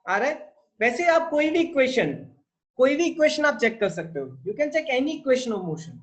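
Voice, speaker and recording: A man with a very high voice and big pitch swings teaches physics at a moderate pace, his tone a bit bright on a low-quality recording. Speaking with an Indian English accent, this tutor mixes Hindi with English, asking his class questions and answering them himself.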